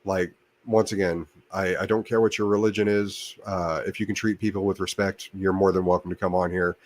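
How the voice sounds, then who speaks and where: A man's voice: low-pitched, level tone, brisk, no room sound. A man hosting his own channel, talking casually on a livestream in a rambling way with many restarts and fillers. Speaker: channel host. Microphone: desk mic by a computer monitor.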